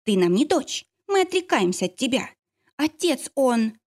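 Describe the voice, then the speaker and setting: Stern werewolf mother, accusing and shouting, high and animated, acted by a woman reader. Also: unhurried. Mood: cold. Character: stern outraged werewolf mother disowning her daughter.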